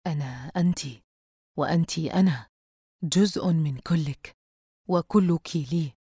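A possessive shadow demon with glowing eyes, as a woman narrator puts him on, drawing each word out slowly and heavily. The storybook reading is close and dry. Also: deep voice, warm tone, husky, no echo, full character voice. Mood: ominous. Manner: slow, measured, ominous delivery.

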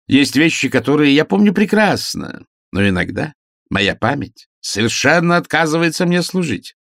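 A man's voice: fairly high pitch, big pitch swings, moderate pace, a bit bright, no echo, studio quality, pitched above the performer's own voice. A man voicing a pompous young male invalid who speaks in a stiff, formal manner. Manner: formal, stilted, condescending.

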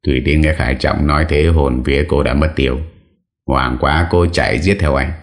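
A man narrating a ghost story in a steady, measured reading voice. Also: a bass voice.

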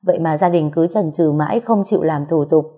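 A solemn hospital nurse who delivers her words slowly and gravely, as a woman storyteller reads her. Low, mellow tone. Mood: somber. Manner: slow, somber.

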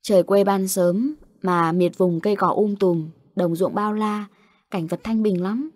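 A woman reads a spoken ghost story in a steady, even storytelling manner. Her voice sits at an ordinary middle pitch. The recording is dry, with no room sound. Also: a little slow, no room sound. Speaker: audiobook narrator. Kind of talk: scripted story narration.

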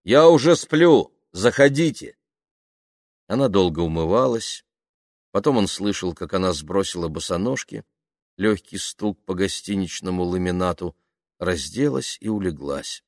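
A man reading an audiobook aloud in measured, even scripted narration. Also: sits low, no echo, clean studio sound.

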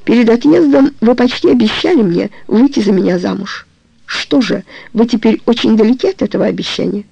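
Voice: mid-range voice, a little fast, gravelly, slightly rough, no echo, highs cut off. Reader voicing an ardent, devoted suitor. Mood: pleading. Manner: soft, then heated and insistent. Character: devoted, ardent man pleading for her hand.

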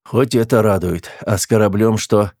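A man's voice: on the low side, steady tone, normal speed, darkish tone, no room sound, studio quality. A man playing a whiny, sly spaceman. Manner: whiny, put-upon and sly. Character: sly, lazy male spaceman who plays ill.

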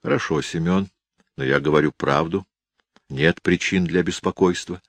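A firm, soothing young woman who shields children, as a male reader voices her, spoken in a deep, unhurried register. She steadies the listener with quiet assurance in an audiobook reading, and the recording is dry. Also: dry recording. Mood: reassuring.

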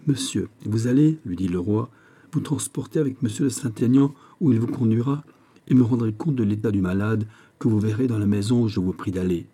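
Reading a classic novel aloud for an audiobook, this male narrator speaks briskly with a warm tone. His dialogue is shaded with slight shifts in pitch and volume, never full character voices.

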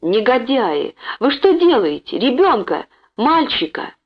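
A woman's voice: medium pitch, expressive, moderate pace, natural voice. A worried, protective mother voiced by a woman reader, urgent and pleading with her child. Her voice rises with alarm. The recording is dull and lo-fi. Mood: anxious.

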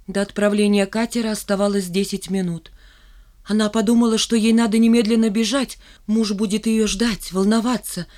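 An audiobook narrator giving an expressive, dramatic reading of a story. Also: mid-range voice.

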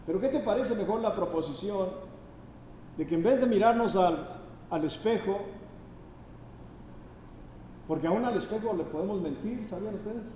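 A man preaches an emphatic sermon full of rhetorical questions. His voice sits high for a man. The sound carries a long hall reverb, with faint noise underneath. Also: brisk, warm tone, distant mic.

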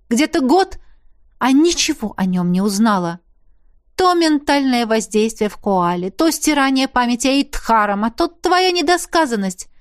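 A woman voicing a fiery young heroine who is quick to anger, talking sharply and sarcastically. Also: sits high, pitched above the performer's own voice.

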